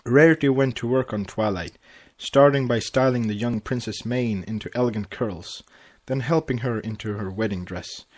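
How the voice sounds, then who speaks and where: A podcast host reads fan fiction aloud in storybook-style narration, acting out the dialogue. His voice is medium-pitched at a moderate pace, with hardly any pauses.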